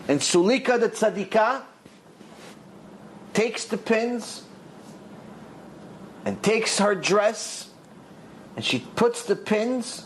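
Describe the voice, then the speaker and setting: Male rabbi, sermon storyteller, lively swooping delivery, slightly high voice, faint hiss behind. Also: low-quality recording. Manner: dramatic storyteller, voices the characters with big pitch swings.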